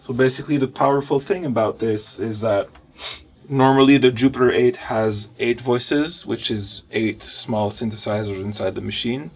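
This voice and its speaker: Inside a wood-paneled recording studio, a man in his thirties plays synthesizers while giving a casual technical walkthrough of them. He speaks at medium pitch and moderate pace, with a darkish, husky tone.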